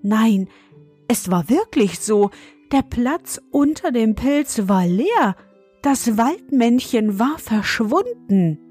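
Slow-reading woman storyteller. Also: a little high, big pitch swings, darkish tone, husky, faint music behind. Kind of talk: scripted storybook narration.

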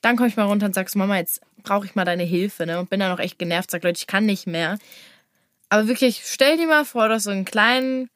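A young woman, a podcast co-host, speaking in a defensive, sighing way, quick to protest. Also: medium pitch, a bit bright, no echo, clean studio sound. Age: teens or young adult. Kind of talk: casual family podcast chat. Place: recording studio. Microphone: studio mic.

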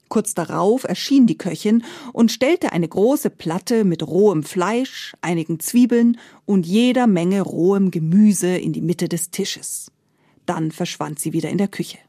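A woman's voice: lowish voice, warm tone, dry recording, studio quality. A woman storyteller narrating a folk tale expressively, often letting phrases fade into a whisper.

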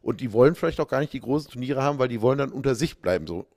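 Relaxed man in a dry chat. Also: mid-range voice, rapid-fire, no room sound. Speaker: podcast co-host. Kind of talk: casual chat.

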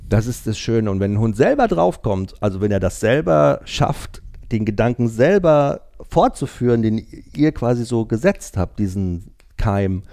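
A man with a gravelly, dark voice hosts a casual podcast chat. He talks in a lively way and laughs now and then as he explains. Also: medium pitch, normal speed, hardly any pauses. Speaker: podcast host.

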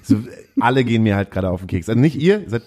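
Low-voiced man hosting a loose podcast chat. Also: lively intonation, rapid-fire, a little mellow. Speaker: podcast host. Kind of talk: casual chat.

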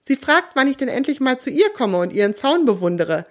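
A woman reading a kindly, chatty middle-aged woman in a children's story. Her voice is a little raised and warm, and she talks in a homely, easygoing way. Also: sits high, sing-song, a little fast, voice pushed up.

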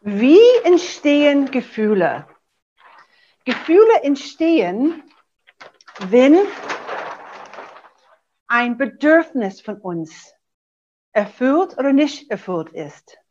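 Middle-aged american woman teaching a webinar in german, high voice, slow and deliberate, dull lo-fi audio. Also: slight background noise. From USA. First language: English. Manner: animated, acts out sample dialogues. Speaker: coach.

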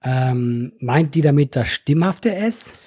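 A co-host with a Swiss accent and a slightly husky voice, talking casually. They explain things patiently and answer back with playful comebacks. The recording is close and dry. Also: mid-range voice, expressive, takes it slowly, a little mellow, no echo. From Switzerland. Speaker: podcast co-host. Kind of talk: casual chat.

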